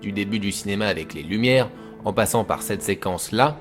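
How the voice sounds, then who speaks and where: A man's voice: lowish voice, brisk. Informal male video essay host over music. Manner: informal, addresses viewers directly. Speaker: host of a film analysis show. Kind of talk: scripted video essay narration.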